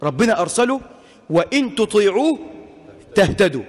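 Brief: impassioned Egyptian preacher, man, very high voice, long echo of a hall. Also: sing-song, moderate pace. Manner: impassioned, rising to shouts, rhetorical questions. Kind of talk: sermon.

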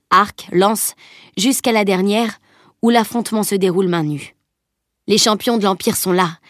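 A woman voicing a huge, good-humoured male knight in an audiobook, speaking in a booming, teasing way. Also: no room sound, studio quality, close to an everyday voice.

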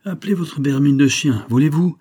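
A man voicing a sick, exhausted and vengeful male vagabond who speaks gruffly and bitterly. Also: medium pitch, normal speed, warm tone, close to an everyday voice. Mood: furious.

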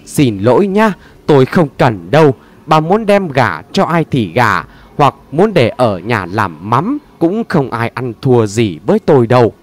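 A man's voice: medium pitch, big pitch swings, a little slow. A man doing a rude, scornful young man. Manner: shouting, sneering.

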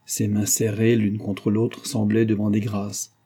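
A man reading a novel aloud as an audiobook narrator, in a measured literary way. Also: lowish voice, monotone, warm tone, breathy edge. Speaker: audiobook reader. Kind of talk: scripted narration.

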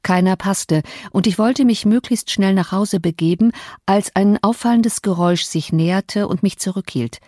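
Measured woman audiobook narrator. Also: mid-range voice, dry recording, studio quality. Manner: measured, expressive storytelling. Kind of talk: scripted narration of a classic novel.

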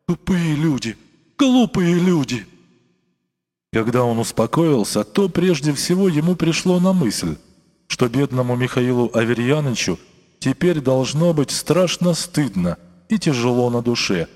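A man narrating an audiobook expressively, with a lively, swinging pitch and a slightly husky tone. A long reverb hangs on his voice, and faint music runs beneath it. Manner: expressive, dramatic reading. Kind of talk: scripted narration.

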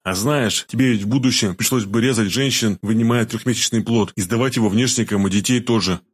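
A weary male deputy commander who talks slowly and frankly in a low, rueful voice, as a male audiobook reader puts him on. He sounds confiding, as if talking to a friend. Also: breathy edge.

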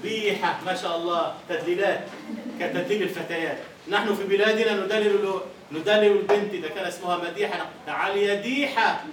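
A man's voice: high voice, steady tone, quick pace, background noise. A man with an Egyptian accent giving a university lecture on Arabic prosody, quizzing his students and repeating their answers. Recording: echoey lecture hall, far from the mic.

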